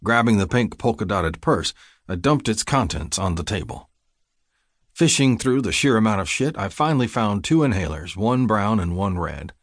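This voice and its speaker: A man reading a gritty first-person story aloud in a steady, plain-spoken way. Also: lowish voice, moderate pace, dry recording, clean studio sound. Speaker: audiobook narrator. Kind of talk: scripted first-person narration.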